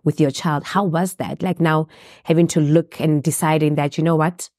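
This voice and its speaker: A woman's voice: low-pitched, steady tone, moderate pace, a little mellow, no echo, studio quality. A woman podcast host asking questions supportively, affirming often. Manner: supportive, frequent affirming murmurs. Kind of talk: casual interview.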